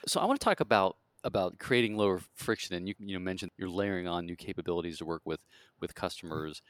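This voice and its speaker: A man hosting an interview, asking brisk, inquisitive questions. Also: sits low, animated, no room sound, clean studio sound. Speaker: podcast host, interviewer.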